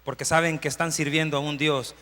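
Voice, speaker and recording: A man preaching a sermon, acting out quoted prayers and building to impassioned shouting. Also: on the high side, level tone, a little fast. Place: church hall. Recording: long hall reverb.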